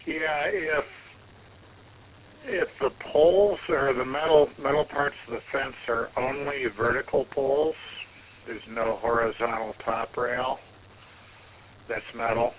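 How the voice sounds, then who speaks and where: A man talking on an amateur radio net, explaining equipment in a halting, technical way with many ums, heard over a ham radio transmission. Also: medium pitch, fairly even intonation. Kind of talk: radio net check-in talk. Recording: tinny narrow radio audio with faint hiss.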